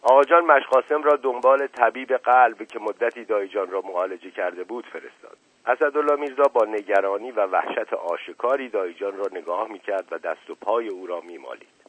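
A man narrating a novel in a lively, dramatic audiobook reading. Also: fairly low pitch, few pauses, husky, narrow, tinny audio.

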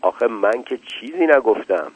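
A man voicing a blunt young husband who turns gentle and coaxing, in an old radio story. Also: mid-range voice, animated, slightly rough, no room sound. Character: hungry young husband, gruff but tender. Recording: tinny dry lo-fi radio recording.

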